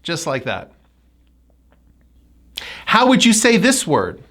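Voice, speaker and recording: Woman, North American accent, pronunciation coach; animated intonation, deliberate word-by-word delivery. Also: fairly low pitch. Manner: models words slowly and clearly, stretching stressed syllables. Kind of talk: scripted pronunciation lesson.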